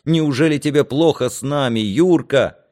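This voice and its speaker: A man's voice: moderate pace, a little mellow, lightly acted. A man reading aloud, voicing a distraught teenage boy who begs his friend to stay. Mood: puzzled. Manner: pleading, high and urgent.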